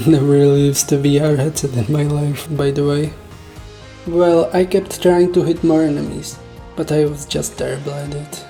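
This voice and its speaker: A woman with a low, mellow voice, a native Czech speaker, recounts a dream casually. She sounds puzzled by her own story, questioning herself and joking at her own expense. Faint music plays behind her. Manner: self-deprecating, jokey, puzzled asides and mock-serious boasting. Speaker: video storyteller. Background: soft music.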